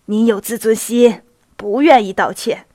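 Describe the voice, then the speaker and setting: A woman reading the lines of a stern older cavalry captain, deliberate and reproachful. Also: a little high, dark tone, dry recording, studio quality.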